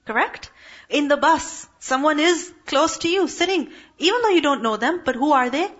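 A woman's voice: sits high, lively intonation, normal speed, a bit bright, highs cut off. A woman teaching a Quran lesson to a class, asking questions and answering them herself.

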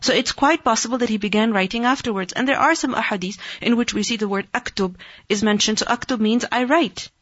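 A woman teaching a religious lesson on hadith, reading Arabic quickly and then translating it phrase by phrase in English. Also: fairly high pitch, a bit bright, no echo. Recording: dull, slightly lo-fi dry recording.

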